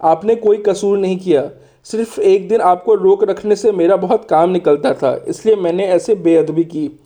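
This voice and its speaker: A man's voice: high voice, normal speed, mellow, close to an everyday voice. A man voicing a courteous, shrewd spy in a storybook, polite and persuasive. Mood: polite, reassuring. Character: courteous, shrewd male spy, deferential strategist.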